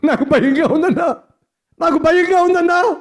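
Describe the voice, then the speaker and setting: A man's voice: extremely high pitch, wildly swooping pitch, moderate pace, pitched above the performer's own voice, full character voice. A man voicing a frightened young man who is crying and begging for prayer. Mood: panicked pleading. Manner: desperate, wailing pleas.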